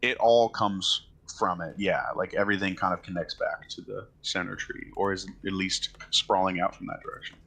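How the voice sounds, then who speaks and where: A man narrates a tabletop game as its game master. His voice is bright and forward with a creaky, gravelly grain, slightly low in pitch, and his delivery stays casual and conversational. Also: fairly even intonation, normal speed, few pauses.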